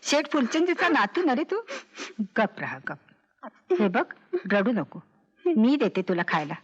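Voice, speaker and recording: An actress playing a gentle, loving mother in an old film. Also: a little high, sing-song, a little slow, breathy edge, dull audio, heavily acted. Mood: tender. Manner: gentle, emotional, tearful at parting. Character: loving middle-aged mother, tender and kindly.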